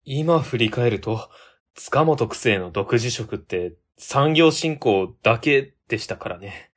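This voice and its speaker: In an amateur web radio drama, a man plays an earnest young ward office staffer, speaking with a questioning tone. His medium-pitched voice is animated, and he takes his time.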